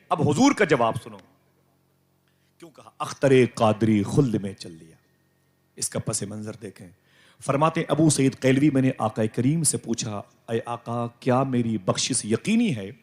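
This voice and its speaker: A man preaching a devotional sermon to a live gathering, emphatic and rising to loud calls for the crowd to respond. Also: medium pitch, lively intonation. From South Asia.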